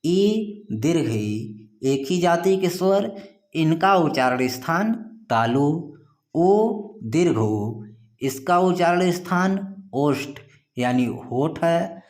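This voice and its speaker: A man teaching a grammar lesson, explaining slowly and patiently and often reminding students to pay attention. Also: on the high side, expressive, darkish tone.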